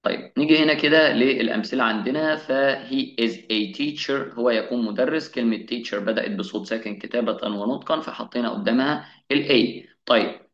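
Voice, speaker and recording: A man's voice: mid-range voice, a bit bright. Egyptian man teaching English grammar. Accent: Egyptian Arabic. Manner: asks questions and answers them himself, slowing down to spell out English examples. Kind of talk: classroom-style grammar lesson. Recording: echoey room, slightly dull sound.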